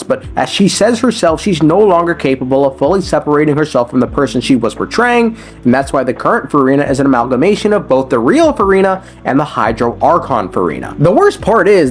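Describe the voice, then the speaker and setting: A man talking through video game lore in a relaxed, conversational commentary. His pitch rises and falls expressively as he makes his points, and faint music plays in the background. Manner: conversational and animated, with slangy asides.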